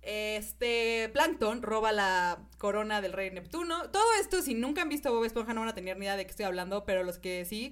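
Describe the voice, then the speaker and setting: A woman in her twenties with a Mexican accent, hosting a podcast and telling stories in a lively way, laughing often. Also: medium pitch. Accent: Mexican Spanish. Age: 20s. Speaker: podcast host. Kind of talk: casual chat.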